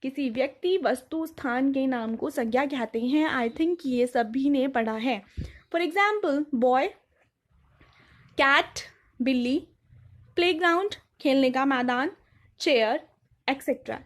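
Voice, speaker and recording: A woman teaching a grammar lesson, repeating each definition in both languages with hesitant fillers. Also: high voice. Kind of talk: grammar lesson explaining English in Hindi.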